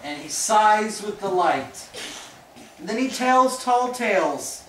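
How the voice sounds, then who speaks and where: A woman narrating a children's picture-book play at a home party, reading aloud slowly and expressively. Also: mid-range voice. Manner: slow, expressive storybook reading. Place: home birthday party, indoors. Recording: roomy, distant home video with background noise.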